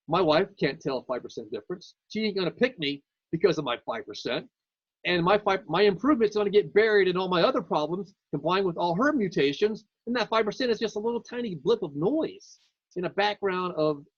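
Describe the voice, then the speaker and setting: A man lectures a class in a high, husky voice, chatty and casual. He stumbles over repeated words as he thinks aloud. The recording is dry and muffled, like a lo-fi mic. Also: no echo.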